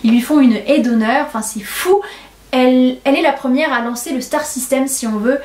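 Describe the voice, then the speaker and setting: A woman's voice: sits high, moderate pace. Enthusiastic woman host in an echoey room. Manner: lively, enthusiastic, amused. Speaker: podcast host, book club organizer. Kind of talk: casual book-review talk and reading aloud. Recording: roomy echo.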